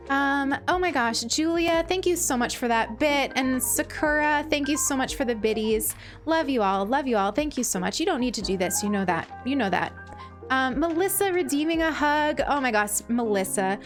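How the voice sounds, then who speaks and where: A woman with a sweet, princess-like voice chatting casually on a game livestream, gushing affectionately as she thanks her viewers. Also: a little high.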